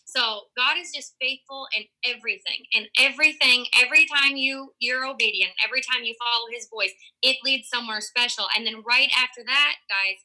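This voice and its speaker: Young woman guest, very bright voice, chatty testimony full of "like" fillers and quoted dialogue. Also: on the high side, a little fast, few pauses, poor audio. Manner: animated, many "like" fillers, acts out quoted dialogue. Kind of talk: casual storytelling testimony.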